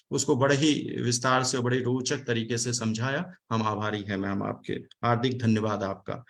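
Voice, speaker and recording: A man from Delhi giving a formal academic talk and thanks on a video call, explaining word meanings with hesitant fillers. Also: mid-range voice. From Delhi, India. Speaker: speaker giving vote of thanks at online event.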